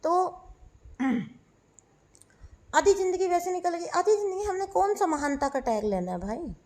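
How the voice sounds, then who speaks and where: A woman's voice: very high-pitched, animated, a little slow, warm tone. A woman hosting a spiritual channel, giving insistent, repetitive advice and mixing English phrases into her talk. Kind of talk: emphatic spiritual advice monologue.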